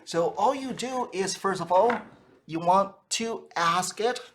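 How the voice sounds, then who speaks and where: A sales trainer for funeral businesses gives an informal instructional talk, speaking in a high-pitched, slow, fairly bright voice. He is conversational and keeps checking in by tagging "right?" onto his phrases, with slight background noise in the recording.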